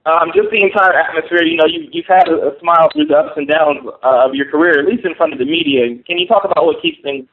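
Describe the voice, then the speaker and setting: Male reporter, quick and slightly high, putting questions over a tinny phone line. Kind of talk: asking questions on conference call. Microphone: telephone.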